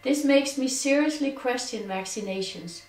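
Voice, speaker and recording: A woman's voice: sits high, normal speed. Danish woman, earnest, echoey and distant. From Denmark. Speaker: personal testimony speaker. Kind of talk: personal testimony. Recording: echoey room, distant from mic.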